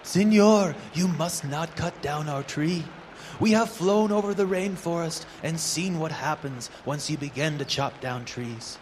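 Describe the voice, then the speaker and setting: A woman's voice: low-pitched, a little slow, darkish tone, slight background noise, pitched below the performer's own voice. A woman voicing a grave toucan that warns earnestly in a storybook.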